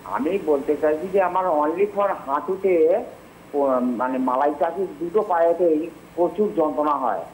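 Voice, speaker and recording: A man calls in to a health show over the phone. His voice sits a little high and he speaks hesitantly, stalling often, with faint noise on the line. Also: a little slow, rough recording. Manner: hesitant, many fillers and restarts. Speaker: caller. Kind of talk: phone-in call. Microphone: telephone line.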